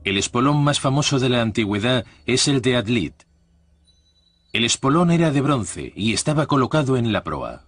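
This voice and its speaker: A man giving a scripted documentary voice-over with a measured, formal delivery, recorded on a studio mic. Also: mid-range voice, sing-song, a bit bright, slightly rough, dry recording. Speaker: documentary narrator.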